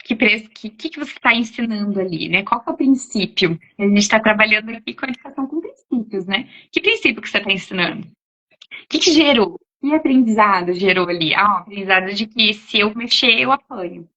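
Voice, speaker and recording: A woman's voice: mid-range voice, fairly quick. A woman, an educator in her forties, casually answering parenting questions, often ending phrases with a questioning tag. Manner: warm explanatory, frequent "né?" tags. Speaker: educator giving parenting talk. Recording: dull lo-fi audio.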